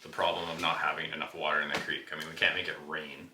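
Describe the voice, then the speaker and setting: A man's voice: extremely low pitch, little pitch movement, fast talker, roomy sound, noisy background. A man hosting a casual vlog, talking in loose, informal phrases that sometimes trail off. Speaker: vlog host. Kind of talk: casual outdoor vlog chat.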